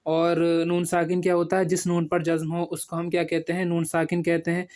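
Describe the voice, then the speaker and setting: A man's voice: fairly high pitch, completely flat delivery, darkish tone. Patient man teaching reading step by step. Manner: patient, asks and answers his own questions; slowly drawn-out spelling of syllables. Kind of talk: step-by-step lesson.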